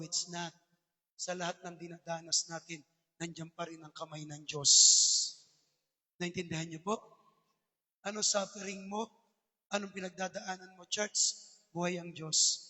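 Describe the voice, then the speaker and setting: Bright-voiced preacher with church reverb. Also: male voice, sits high. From Philippines. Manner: storytelling, often calling the church "brothers and sisters"; mixes English words into his talk. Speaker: pastor. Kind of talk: sermon. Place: church sanctuary. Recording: long church hall reverb.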